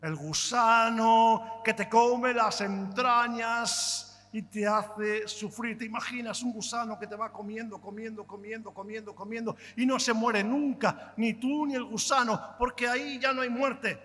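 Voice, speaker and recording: Male pastor, high and bright delivery, fervent sermon style with sudden loud and soft turns, long church-hall reverb. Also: steady tone, a little slow, few pauses. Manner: impassioned, rhetorical questions, swings between loud and hushed. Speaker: preacher.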